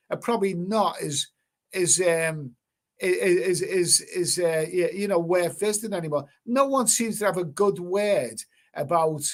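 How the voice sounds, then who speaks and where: A man hosting a casual live stream, reading out chat comments and rambling with many repeated words and casual swearing. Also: high voice. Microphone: webcam stream mic.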